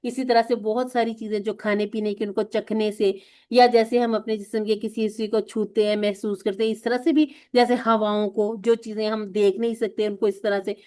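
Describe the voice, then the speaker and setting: A woman's voice: mid-range voice, little pitch movement, warm tone. A woman teaching a recorded course lesson, patiently explaining and asking and answering her own questions.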